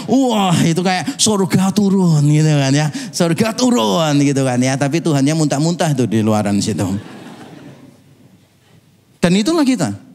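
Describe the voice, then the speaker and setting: A male pastor from Indonesia delivers a lively sermon in a noticeably high voice. He tells stories with humor and imitates other people as he goes. He preaches from a church. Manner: animated storytelling with humor and mimicry.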